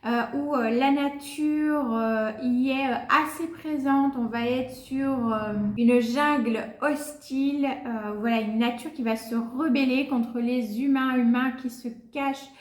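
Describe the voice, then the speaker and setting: Femme à la voix aiguë, pièce résonnante. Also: female voice, sits high, fairly even intonation, a little slow, few pauses, darkish tone, roomy sound. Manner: hesitant, many "euh" fillers. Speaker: book vlogger. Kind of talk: casual book wishlist vlog.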